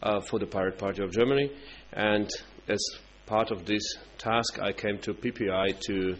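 A man speaking at a conference, halting, with many fillers and restarts. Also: fairly low pitch, fairly even intonation. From Russia. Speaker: party international coordinator. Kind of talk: conference speech. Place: conference hall. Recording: dull conference-room recording with faint hum.

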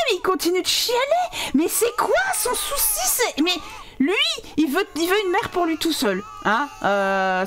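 A young woman doing let's play commentary, excitable, often laughing and yelling at the game with casual swearing. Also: high voice. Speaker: gaming channel host.

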